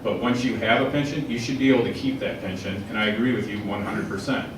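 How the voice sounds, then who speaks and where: Earnest 40s guy talking at a candidate forum, lowish voice, big echoey hall, mic way off. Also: fairly even intonation, fast, background noise. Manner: earnest, plain-spoken. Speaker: political candidate. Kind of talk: answering at a public forum. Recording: echoey hall, heard from far off.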